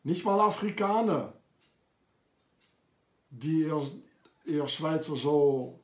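A man's voice: fairly high pitch, animated, slow pace, roomy sound. A man delivering an accusatory, insistent monologue to camera, with frequent hesitations. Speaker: video maker. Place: lives in France.

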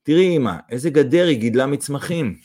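A man voicing an earnest young man in love who speaks quietly and in earnest. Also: mid-range voice, lively intonation, voice pushed up, natural voice.

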